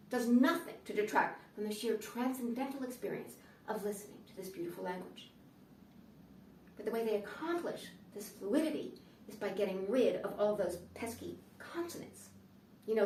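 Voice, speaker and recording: A woman from the United States performs a comedy monologue with dry, sardonic timing and playful asides. Her voice sits at a middle pitch and sounds roomy and distant, as if the mic were set across an echoing room. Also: a little mellow, a little hiss or hum. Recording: echoey room, voice from far off mic.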